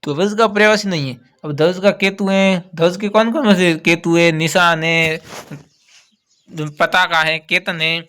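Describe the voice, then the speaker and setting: High-voiced man explaining exam answers. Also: fairly even intonation, measured pace, bright, forceful tone, smooth. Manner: explains patiently, repeating key words. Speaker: teacher.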